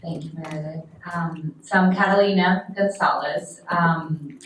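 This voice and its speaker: A woman's voice: low-pitched, steady tone, measured pace, a bit bright. A woman from Colombia introducing herself on a panel, earnest and hesitant. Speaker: panelist, business founder. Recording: echoey hall, distant mic.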